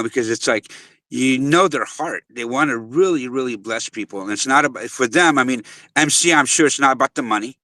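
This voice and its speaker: A middle-aged man with a bright, forceful voice hosts a casual chat. He speaks earnestly and restarts his phrases often. The sound is dry, without room echo. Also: mid-range voice. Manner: earnest, with frequent restarts and "you know" fillers. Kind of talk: casual chat on a live audio space.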